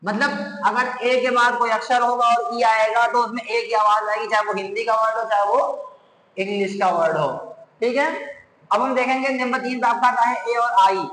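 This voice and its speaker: Male grammar teacher, very high voice, slow and deliberate, spells words aloud; roomy reverberant recording. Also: fairly even intonation, sharp tone, a little hiss or hum. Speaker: English teacher. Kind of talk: classroom grammar lesson. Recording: echoey room with long reverb.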